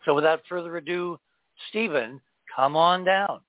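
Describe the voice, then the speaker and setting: Male radio host, higher-pitched voice. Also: a little slow, no room sound, narrow, tinny audio. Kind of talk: talk radio hosting, guest introduction.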